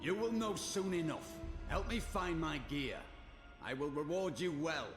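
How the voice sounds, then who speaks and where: An actor playing a stern, earnest templar warrior in a video game, speaking formally and resolutely. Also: male voice, on the high side, a little slow. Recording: echoey game audio under loud music.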